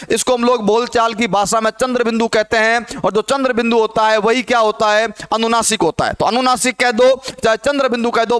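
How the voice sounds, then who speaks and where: A man's voice: extremely high pitch, fairly bright tone, clean tone. A man teaching a Hindi grammar lesson, who asks the class questions and answers them himself.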